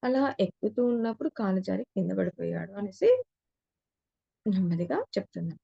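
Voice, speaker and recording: Woman storyteller, very dark mellow voice, breathy, dry close sound, dull lo-fi recording. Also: medium pitch, a little fast, no room sound. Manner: reads a passage, then retells it in casual talk. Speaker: spiritual teacher. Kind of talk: reading a story aloud and retelling it.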